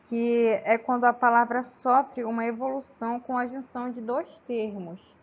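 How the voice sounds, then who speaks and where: Woman presenting with halting tag questions. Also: on the high side, level tone. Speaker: student presenter. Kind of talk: academic oral presentation. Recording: slightly dull lo-fi with faint ambience.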